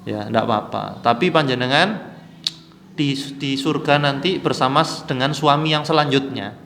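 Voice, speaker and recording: A man preaching in a religious study session with an East Javanese accent, lively and acting out quoted voices as he teaches. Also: medium pitch, normal speed, gravelly, big-room sound, slight background noise. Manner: animated, mixes Javanese with Indonesian, acts out quoted mourners.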